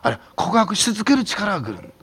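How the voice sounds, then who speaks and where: A man preaching a sermon as a pastor, telling stories in an animated way and sometimes dropping to a whisper. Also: high-pitched, a little fast, creaky, slightly rough. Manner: animated storytelling, drops to a whisper at times.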